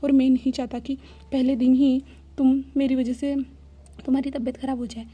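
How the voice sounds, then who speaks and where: A stubborn young husband who will not take no for an answer, read out by a woman. The delivery is flat and even, the tone mellow and a little husky, bossy and insistent. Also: sits high, moderate pace.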